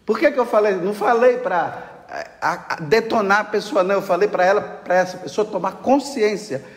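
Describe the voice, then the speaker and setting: Brazilian male preacher, high lively voice, sermon in an echoey church hall. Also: normal speed. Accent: Brazilian Portuguese. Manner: animated, acts out dialogues with rhetorical questions.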